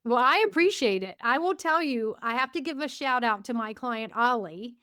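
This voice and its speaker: A lively woman in her fifties with a higher voice, a gratitude coach and author, is a guest on a conversational podcast interview. She tells stories enthusiastically, often quoting herself and speeding up and slowing down. The sound is smooth, studio-quality, with no room sound.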